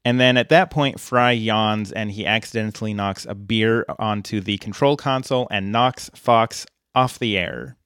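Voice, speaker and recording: A man chats through a cartoon plot in a relaxed, matter-of-fact way, pausing on fillers as he goes. His voice is smooth and resonant. The recording is dry and close. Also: on the low side, no echo. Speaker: podcast co-host recapping a cartoon episode. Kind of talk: casual chat.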